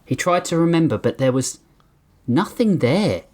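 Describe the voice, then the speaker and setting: A man reading his own crude comic story aloud for a podcast, deadpan with bursts of laughter at his own jokes. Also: a little high, normal speed, a little hiss or hum.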